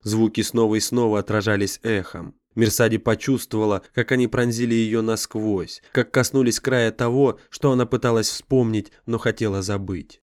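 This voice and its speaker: Low-voiced man narrating a dark sci-fi audiobook. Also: fairly even intonation, normal speed, few pauses, no room sound, clean studio sound. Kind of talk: scripted dramatic narration.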